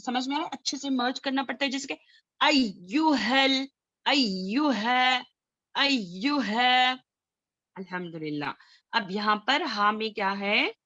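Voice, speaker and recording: A woman teaching Quran recitation in an online class, asking students questions and slowly drilling sounds. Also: on the high side, lively intonation, pushed and bright, no room sound. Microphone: video call. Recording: dull lo-fi video call audio.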